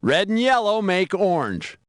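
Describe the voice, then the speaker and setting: A brash, wisecracking male quiz game host, full of sarcastic jabs at the player. His voice sits high and swings all over the place in lively, bouncy delivery. Loud game music plays under every line. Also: unhurried. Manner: sarcastic, jokey, teasing the player. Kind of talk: scripted wisecracking quiz hosting. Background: loud game show music.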